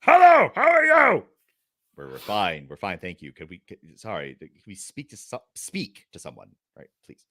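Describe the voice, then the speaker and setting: A man voicing an overexcited, squeaky alien man in a comedic podcast skit, with shrill, shouted greetings. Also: huge pitch swings, normal speed, exaggerated voice.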